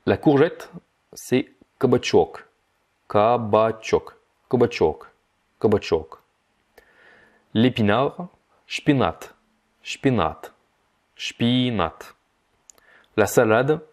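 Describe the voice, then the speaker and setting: A man from France giving a vocabulary lesson in a voice-over, repeating each word slowly and stressing its syllables. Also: on the low side, darkish tone. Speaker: language teacher.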